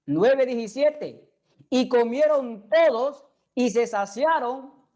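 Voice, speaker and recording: A woman's voice: fairly high pitch, dark tone. A woman preaching a sermon in Spanish. She speaks earnestly and keeps turning to her listeners with direct questions.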